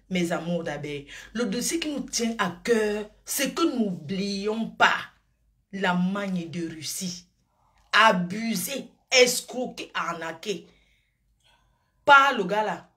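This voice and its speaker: A woman's voice: medium pitch, animated, unhurried, fairly bright tone. A middle-aged woman and grandmother rambling on a live stream, showering her viewers with pet names and drifting between topics.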